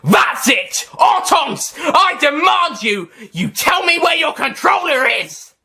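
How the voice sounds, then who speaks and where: The Doctor as a showy, sarcastic time traveller, voiced by a male storyteller. He is raised above a plain male voice, bright and a little husky, with a lot of rise and fall. He is theatrical and quick to snap. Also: very high voice, very animated, pitched above the performer's own voice, full character voice. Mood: furious.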